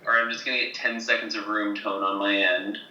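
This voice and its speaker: Bright-voiced male podcast host, roomy sound. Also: lowish voice, flat delivery, fast, muffled recording, a little hiss or hum. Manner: hesitant, many fillers and restarts. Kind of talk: casual interview hosting.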